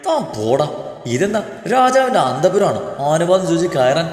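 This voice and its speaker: A man voicing a feisty, sharp-tongued young bride in a storybook reading, answering back with defiant, mocking retorts. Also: high voice, very animated, normal speed. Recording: echoey room with long reverb, faint music.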